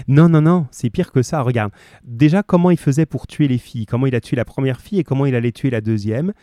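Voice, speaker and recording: Male teacher reading to a class; warm, dry, lively, asks questions. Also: medium pitch, fast talker, no echo. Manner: lively, asks questions and stresses key words. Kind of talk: reading a story aloud to a class, then explaining it.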